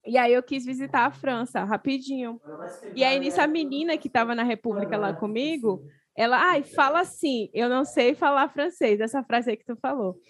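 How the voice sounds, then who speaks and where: A woman's voice: high voice, moderate pace. A woman, hosting a casual podcast chat and asking her guest questions. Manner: chatty, asks questions. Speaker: podcast host.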